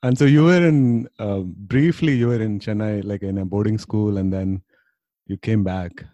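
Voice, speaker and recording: A man's voice: on the low side, normal speed, warm tone, dry recording, lo-fi sound. A man hosting a podcast, asking friendly, curious questions and laughing along. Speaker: podcast host. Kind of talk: casual interview chat.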